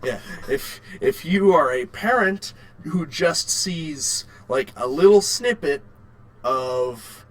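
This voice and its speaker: Speaking slowly with lively intonation and a voice on the high side, a male podcast co-host chats casually about video games and films. He's informal, repeats words, and swears a bit.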